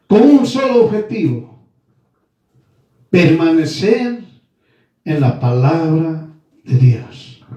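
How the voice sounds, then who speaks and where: A man delivering a sermon in a slow, deliberate way, leaning on repeated phrases. His voice sits a little high but has a dark, mellow tone. He sounds set back from the mic in a strongly echoing room. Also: big pitch swings, highs cut off. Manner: addresses listeners formally as brother and sister. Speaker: preacher. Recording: very echoey room, voice from far off.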